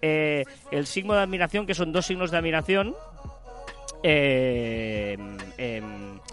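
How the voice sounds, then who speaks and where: A man's voice: fairly high pitch, animated, takes it slowly, fairly bright tone, faint music behind. A man co-hosting a casual podcast, explaining things step by step and often checking in with "¿vale?". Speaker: podcast co-host.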